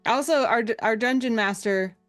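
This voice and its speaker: A woman with a fairly high voice opens a live tabletop game show, welcoming viewers in a chatty, upbeat way. Faint music plays behind her. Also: normal speed, fairly bright tone. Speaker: show host.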